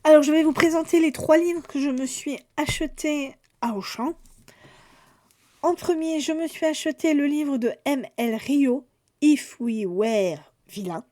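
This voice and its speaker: A woman's voice: sits high, a little slow, darkish tone. A woman chatting casually through a book haul, summarizing plots with fillers and restarts. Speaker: book vlogger.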